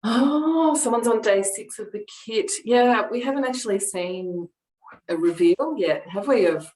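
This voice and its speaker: A woman's voice: fairly high pitch, expressive, measured pace, a little mellow. A woman hosting a casual video call, reading out viewer questions and giving short agreeing replies. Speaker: host. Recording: roomy echo over video call.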